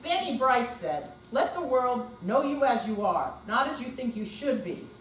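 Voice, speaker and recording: An older woman, an amateur readers theater performer, delivers a dramatic stage reading live in a senior center hall. Her voice is a little high, animated, and a little slow. The recording sounds distant and echoey, with faint noise in the room.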